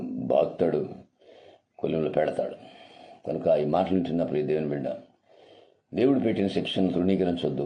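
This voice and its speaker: A man's voice: low-pitched, muffled recording. A male pastor preaching a sermon, emphatic and repetitive, with rhetorical questions put to his listeners.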